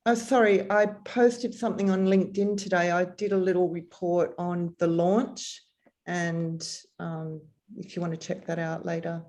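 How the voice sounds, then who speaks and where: A woman's voice: fairly low pitch, flat delivery, measured pace, darkish tone. A woman working as a freelance reporter, introducing herself on a video call, enthusiastic but hesitant with many ums.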